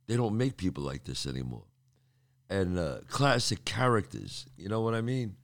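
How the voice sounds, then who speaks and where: Talking to his listeners in a casual monologue, an older podcast host sounds very animated, his low-pitched voice moving at a moderate pace. He's streetwise and chatty, tends to repeat himself, and has a cold in his throat.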